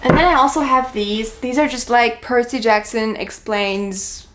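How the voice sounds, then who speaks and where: A woman's voice: on the high side, unhurried. A woman chatting casually to camera as a vlogger, gushing and informal, with self-deprecating asides. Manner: gushing, effusive about the books she likes. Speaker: book vlogger hosting her own video. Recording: clear background noise, clicks.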